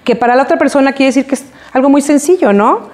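Expressive woman co-hosting a chat. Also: high voice, fast. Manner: expressive, emotional, acts out quoted phrases. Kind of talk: casual chat.

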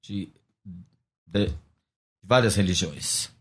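A man's voice: low voice, drawn-out words. A man, a pastor, answering interview questions about his past in an earnest, reflective way. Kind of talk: interview testimony.

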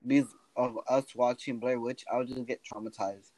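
A man's voice: medium pitch, flat delivery, normal speed, a little mellow. A teenage man co-hosting a casual chat podcast, slangy and laid-back, swearing often. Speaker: podcast co-host.

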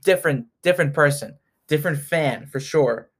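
A man's voice: fairly high pitch, normal speed. A man in his early twenties, a sports fan vlogger talking casually, chatty and self-mocking, often laughing. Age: 20s.

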